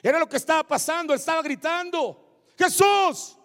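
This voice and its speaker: A male pastor preaching a sermon, moving between shouted climaxes and hushed asides. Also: very high-pitched, brisk, long reverb tail. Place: church sanctuary with congregation.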